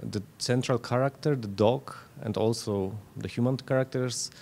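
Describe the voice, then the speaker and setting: A man asking interview questions in a halting, deliberate, analytical way. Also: medium pitch, gravelly, dark tone. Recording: background noise.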